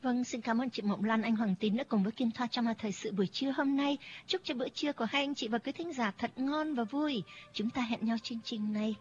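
A woman's voice: fairly high pitch, a little fast, few pauses, highs cut off, slight background noise, pitched above the performer's own voice, close to an everyday voice. A woman news anchor graciously signing off a midday radio news program.

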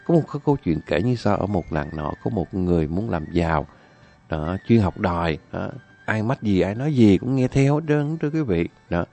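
Gravelly storyteller. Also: male voice, sits low, lively intonation, brisk, dark tone, faint music behind. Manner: chatty, addresses listeners directly, laughs often. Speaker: radio storyteller. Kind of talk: folk-tale storytelling.

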